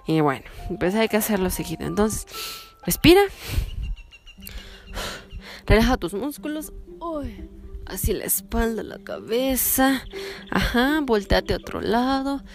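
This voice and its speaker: A woman hosting a self-help podcast, giving practical advice in a lively, coaching way and acting out little scenes. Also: on the high side, moderate pace, soft background music. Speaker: podcast host.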